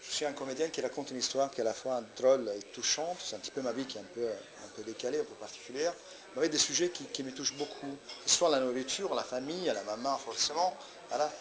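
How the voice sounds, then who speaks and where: A comedian guest with an Italian accent answers interview questions hesitantly, full of fillers and restarts. His voice is medium in pitch and fast. Loud crowd chatter fills the background.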